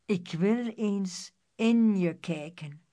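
A woman's voice: medium pitch, very slow, warm tone. A woman reading aloud, voicing a cruel male doctor who speaks in a mockingly soothing, menacing way.

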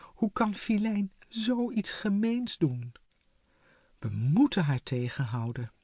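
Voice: mid-range voice, slow, a little mellow, husky, no echo, studio quality, pitched above the performer's own voice. A storybook reader voicing King Blijhard, a clumsy, kindly king who talks in flustered exclamations. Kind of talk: storybook character voice.

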